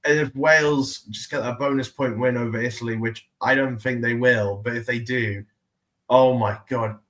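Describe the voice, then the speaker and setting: A man in his twenties co-hosting a casual sports podcast, chatty with quick asides. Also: medium pitch, fairly even intonation, a bit bright. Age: 20s. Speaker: podcast co-host.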